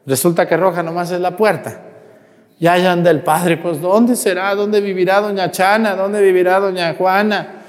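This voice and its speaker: A man's voice: sits high, fairly even intonation, normal speed. A man, a parish priest giving a chatty, teasing sermon, acting out his parishioners' voices. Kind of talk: sermon with storytelling. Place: church. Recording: long church reverb.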